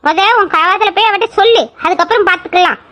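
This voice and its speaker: A woman doing a fast, shrill pushy friend. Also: sharp tone. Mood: urging. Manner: urging, bossy, fast-talking. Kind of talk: amateur audio drama acting.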